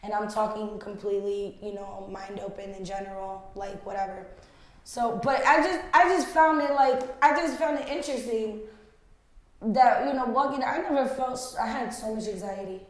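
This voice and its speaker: A young woman co-hosting a podcast, telling animated, profane stories in casual chat with lots of laughter. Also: medium pitch, moderate pace. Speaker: podcast co-host. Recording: very echoey room.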